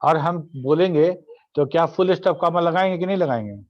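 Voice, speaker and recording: A male teacher lectures in an online class, explaining step by step and pausing to quiz his students. His voice sits a little high, and English definitions come out slowly with an Indian accent. The recording is dry and dull, like lo-fi audio. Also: no echo.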